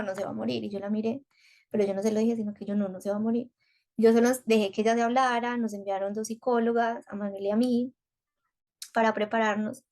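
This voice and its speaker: A young woman from telling a personal story as a podcast guest, quick and repetitive, often acting out her own thoughts in quotes. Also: on the high side. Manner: rapid, repetitive, animated retelling with quoted inner speech. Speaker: guest, mother.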